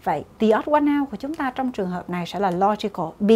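An English exam prep teacher with a Vietnamese accent speaks quickly in a medium-pitched, slightly mellow voice with lively intonation. She methodically works through English exam questions in Vietnamese, explaining each answer step by step and mixing in English terms.

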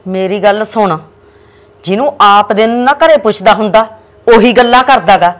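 A woman's voice: medium pitch, normal speed, natural voice. An actress playing a quarrelsome middle-aged village mother-in-law with a Punjabi accent and a sarcastic tongue. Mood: bickering. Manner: bickering, sarcastic.

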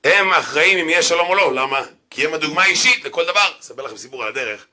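Rabbi guy lecturing in shul, jokey and lively, bright forceful voice. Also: on the high side. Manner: animated, joking, acts out quotes. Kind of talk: Torah lecture. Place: synagogue.

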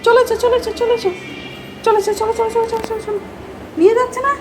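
A woman filming her dog at home, talking to it in a high sing-song baby voice, playful and lively, with a Bengali accent. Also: quick pace, over music. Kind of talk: casual home video talk to a pet. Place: apartment home, indoors.

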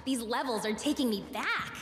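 A woman voicing a sassy, spirited teenage superhero girl in an animated series. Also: fairly high pitch, moderate pace, a crowd in the background, close to an everyday voice. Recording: music under cartoon dialogue.

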